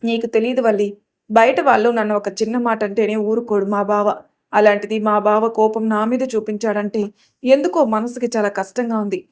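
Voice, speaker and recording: A woman with a somewhat high, slightly mellow voice narrates a family drama audio story at a brisk pace and in a steady tone. She reads every character's dialogue herself, shifting her voice only slightly between them.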